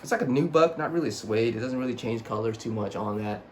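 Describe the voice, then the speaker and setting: A man's voice: medium pitch, fast talker. Sweary young man with braces, noisy recording. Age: young adult. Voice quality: slightly slurred speech from braces. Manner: sweary, self-deprecating, rambling. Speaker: sneaker reviewer. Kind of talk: casual vlog review. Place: small home room with computer desk.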